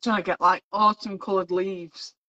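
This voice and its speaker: A woman chatting casually while colouring on a livestream, unhurried, with soft chuckles and fond remarks. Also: mid-range voice, little pitch movement, dry recording. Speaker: livestream co-host. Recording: dull, dry lo-fi livestream audio.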